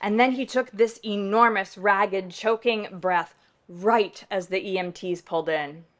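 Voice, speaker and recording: A woman's voice: mid-range voice, a little slow. Emphatic woman pastor telling a story. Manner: conversational and emphatic, often tagging "right?". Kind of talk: storytelling to a live audience.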